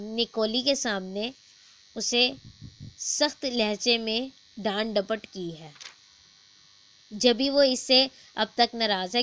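A woman's voice: on the high side, pushed and bright, slight background noise. Woman narrating a scary story. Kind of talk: scripted horror story narration.

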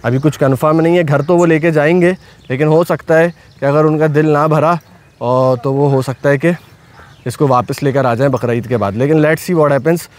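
A young cattle farm owner with a Pakistani Urdu accent chats casually from behind the camera outdoors, narrating his vlog with enthusiasm and repeating blessings often. His voice is a little high and a little mellow, at a moderate pace.

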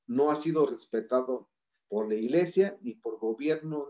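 A man's voice: mid-range voice, dark tone, dull audio. A man giving an impassioned public talk with a Mexican Spanish accent, building his points through rhythmic repeated lists. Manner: rhetorical, listing in rhythmic repetitions. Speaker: speaker at a community forum.

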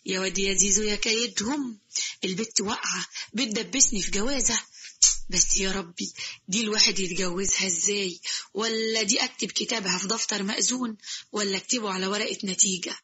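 A woman's voice: mid-range voice, a little fast, pushed and bright, husky, muffled recording, pitched below the performer's own voice. A woman voicing a brash, cocky young Egyptian man who jokes and teases, in Egyptian Arabic. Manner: cocky, teasing.

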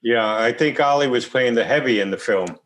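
A man's voice: mid-range voice, moderate pace, slight background noise. Older man hosting a video call interview. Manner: relaxed, conversational questioning. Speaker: host. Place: home room, indoors. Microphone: video call, webcam.

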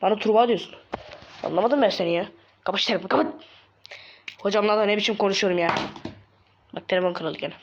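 A woman at an ordinary pitch, rambling and exasperated in a solo comedy sketch. She often shouts in frustration. The recording sounds dull and lo-fi. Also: fast talker, long pauses, slight background noise.

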